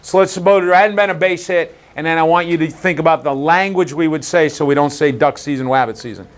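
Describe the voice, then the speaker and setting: Speaking quickly in a fairly high pitch, a man leads an interactive umpire clinic in a meeting room. He fires questions at the group and lively role-plays exchanges with players.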